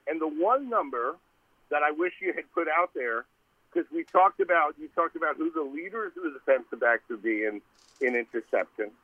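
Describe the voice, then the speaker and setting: Male radio caller, clipped phone line, fairly high voice, rambling and thinking aloud mid-sentence. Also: expressive, moderate pace, no echo. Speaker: caller to a sports radio show. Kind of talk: casual call-in chat.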